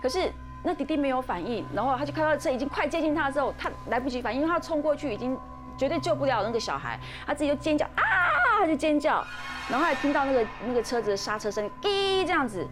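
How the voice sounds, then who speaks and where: A woman's voice: sits high, expressive, rapid-fire. A woman, hosting a podcast and dramatically telling a ghost story, with frequent fillers and restarts. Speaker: podcast host. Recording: podcast with music underneath.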